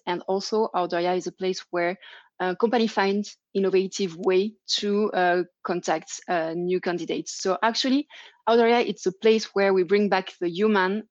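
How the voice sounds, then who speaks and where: A woman's voice: on the low side, dry recording, lo-fi sound. A woman with a French accent, answering interview questions with many fillers and restarts. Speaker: interview guest, company founder. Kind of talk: live interview over video call.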